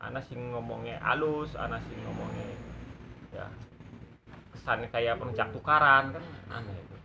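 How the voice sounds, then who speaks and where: Gravelly, bright-voiced man with a Javanese accent, a folksy, joking religious teacher. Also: mid-range voice, normal speed, slight background noise. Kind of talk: religious study lesson.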